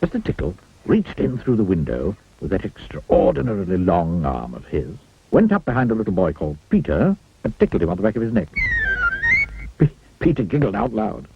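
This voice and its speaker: A man's voice: on the low side, wildly swooping pitch, creaky. A man reading a children's storybook aloud in a playful way, stretching out words for emphasis. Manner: playful, swooping, drawn-out emphasis. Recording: slightly muffled, faint music behind.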